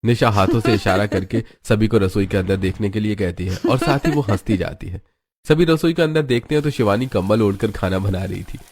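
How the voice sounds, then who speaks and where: Male narrator, slightly low, steady scripted storytelling. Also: a little fast.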